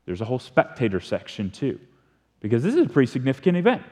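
Animated preacher in a reverberant hall. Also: male voice, mid-range voice, fast talker. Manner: animated storytelling preacher, rising and falling in volume. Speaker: pastor. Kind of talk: sermon. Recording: long reverb of a large hall.

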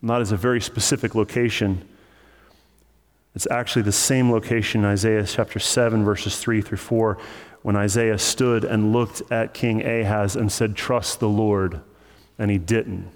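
Casual preacher in a reverberant hall. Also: male voice, fairly low pitch, steady tone, moderate pace. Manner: casual, conversational, joking asides. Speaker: pastor. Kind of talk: sermon teaching through scripture. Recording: long reverb of a large hall.

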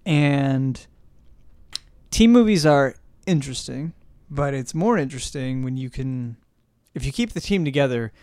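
A man's voice: medium pitch, lively intonation, a little slow, a little mellow, clean tone, no room sound, studio quality. A man talking eagerly and at length about a film on a casual podcast. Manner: enthusiastic, rambling. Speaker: podcast host. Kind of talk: casual chat.

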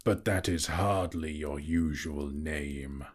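A man voicing a slow, sly, sneering male dragon in a storybook reading, drawing out each word with mocking menace. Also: very deep voice, exaggerated voice.

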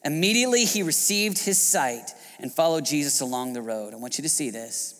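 A male pastor preaching a sermon, swinging from hushed passages to loud, shouting outbursts. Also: on the high side, expressive, brisk, in a large hall. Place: church hall.

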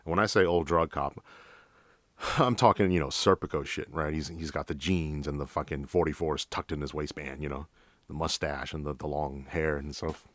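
A man's voice: extremely low pitch, steady tone, moderate pace, dry recording. A man with a New York accent, a police officer hosting a podcast, telling stories in a blunt, profane, direct way. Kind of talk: casual storytelling.

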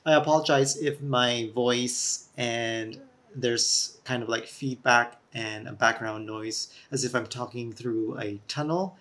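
A man's voice: medium pitch, fairly even intonation, slow, a bit bright. Man talking as if through a tunnel. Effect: echoey tunnel-like sound with feedback. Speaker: podcast host. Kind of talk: explanatory solo podcast. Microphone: camera-mounted mic.

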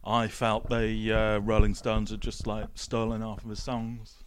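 A man's voice: on the low side, completely flat delivery, unhurried, slight background noise. A man co-hosting a podcast, throwing in dry, teasing remarks. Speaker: podcast co-host. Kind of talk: casual chat.

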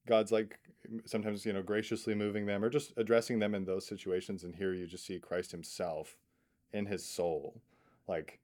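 A man's voice: on the low side, level tone, moderate pace, a little mellow. A man co-hosting a Bible podcast, responding with enthusiasm and often adding short affirming sounds while the other host talks. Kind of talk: casual Bible study chat.

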